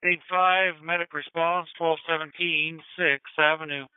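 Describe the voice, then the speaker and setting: A man's voice: fairly high pitch, steady tone, unhurried, smooth, no room sound. A man working as a fire and medical dispatcher, giving procedural, matter-of-fact calls over two-way radio. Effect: two-way radio transmission. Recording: tinny narrow-band scanner radio.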